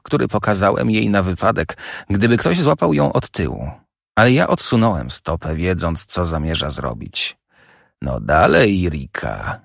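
A man narrates a first-person audiobook with dramatic intensity. His low voice has a gravelly grain and swings widely in pitch. The recording is dry and close. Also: fairly bright tone, no room sound.

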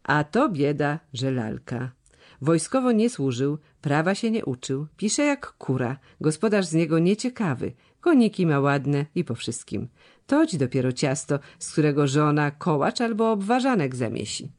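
A biting old treasurer who lisps and stumbles over his words, as a reader puts him on. His pitch rises and falls in lively swings, mocking everything he judges. Storybook reading. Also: normal speed. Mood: scornful. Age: older. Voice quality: lisping, stammering. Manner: scornful, biting critic. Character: old male treasurer, sharp-tongued and grumbling. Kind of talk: audiobook character voice.

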